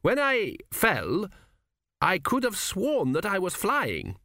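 A man's voice: high voice, huge pitch swings, slow pace, sharp tone, no echo, studio quality, pitched above the performer's own voice, full character voice. A man doing a fretful dead king. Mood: agitated, snappy. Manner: querulous, grumbling. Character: fretful newly dead male king, indignant.

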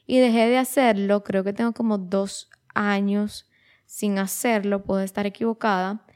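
A woman's voice: mid-range voice, fairly even intonation, moderate pace, darkish tone, clean tone. Chatty 23-year-old woman reflecting. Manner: chatty, restarts phrases, drops in English words. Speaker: podcast host. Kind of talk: casual reflective monologue.

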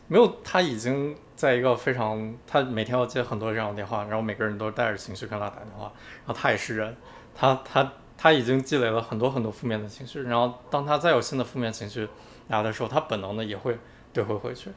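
A man co-hosting a podcast in casual chat, explaining calmly and patiently, often repeating words. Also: mid-range voice, quick pace, a little hiss or hum. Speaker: podcast co-host.

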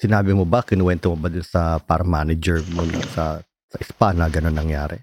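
A man with a Filipino accent interviewing a guest, soft-spoken and switching between Tagalog and English, with many quiet backchannels. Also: deep voice, level tone, fairly quick, no room sound. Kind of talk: casual interview.

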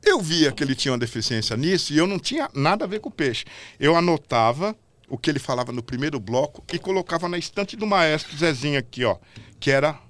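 A middle-aged man with a São Paulo accent, a guest telling backstage stories in a casual interview and acting out the people he quotes. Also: on the high side. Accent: São Paulo Portuguese. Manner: lively anecdotes, acts out the people he quotes.

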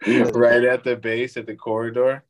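A man's voice: mid-range voice, little pitch movement, moderate pace, poor audio. A man hosting a casual chat over a video call, swearing freely and laughing often. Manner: profane, laughing, rambling.

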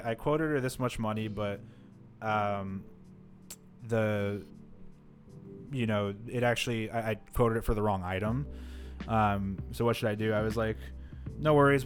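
A man co-hosting a podcast, telling a work story in casual chat, full of "like" fillers and acted-out quotes. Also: lowish voice. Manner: rambling, many "like" fillers, acts out quotes. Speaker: podcast co-host. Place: live-streamed podcast setup.

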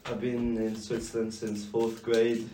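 A teenage boy from Wales, co-hosting a casual podcast and explaining things in a steady, matter-of-fact way. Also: medium pitch, unhurried, a little hiss or hum. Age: teens. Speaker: podcast co-host. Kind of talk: casual chat. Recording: echoey room, distant mic.

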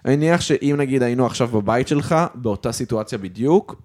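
A man hosting a casual podcast chat from an apartment, talking softly into a microphone with many restarts. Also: medium pitch. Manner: soft-spoken, halting with restarts. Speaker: podcast host. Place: apartment at home.

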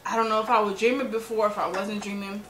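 Mid-20s woman, easygoing storyteller, mid pitch, echoey room. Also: steady tone, quick pace, over music. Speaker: podcast co-host. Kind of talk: casual chat. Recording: roomy echo.

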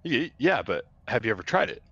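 A man's voice: mid-range voice, big pitch swings, brisk, fairly bright tone, husky, no room sound, lo-fi sound. A man playing his character at a tabletop game, talking casually and rambling with fillers. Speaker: player. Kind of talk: in-character tabletop role-play.

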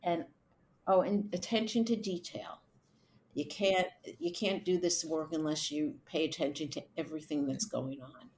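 A middle-aged woman with a slightly low voice talks through her working life as an interview guest. She is chatty and relaxed, tells stories and laughs easily between points. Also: moderate pace, a little hiss or hum. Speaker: event producer, guest. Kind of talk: conversational interview answers.

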